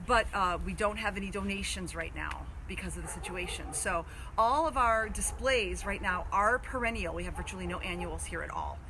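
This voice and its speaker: A woman hosting an informal live gardening explainer outdoors, explaining in a halting, stop-and-start way. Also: medium pitch. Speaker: host of community garden live video. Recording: outdoor live video, clear ambient noise.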